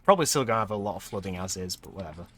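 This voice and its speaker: A man's voice: sits low, animated, rapid-fire, a bit bright. A man casually commentating a building game, thinking aloud and laughing often. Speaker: streamer.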